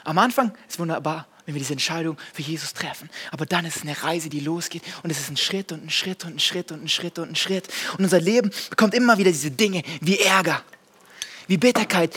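A man preaching a live sermon on stage, asking the audience direct questions and building to loud, fervent passages. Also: high-pitched, slightly rough.

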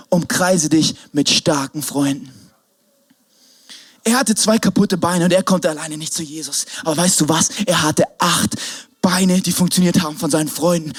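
A man preaching an energetic sermon, swinging between shouts and hushed asides. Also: high-pitched, no echo. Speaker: pastor.

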